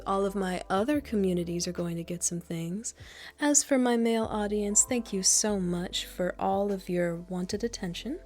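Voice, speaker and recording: A woman ASMR creator talking in a soft, proper and a little monotone whispered role-play manner, slightly nasal, cooing endearments. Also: medium pitch. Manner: coos endearments like darling.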